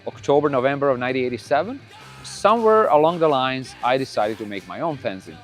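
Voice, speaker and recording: A middle-aged man from Croatia, a podcast host whose first language is Croatian, talking casually in a relaxed, rambling way with frequent restarts. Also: mid-range voice, fast talker, faint music behind. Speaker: podcast host and record label owner. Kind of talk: casual monologue. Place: room full of records.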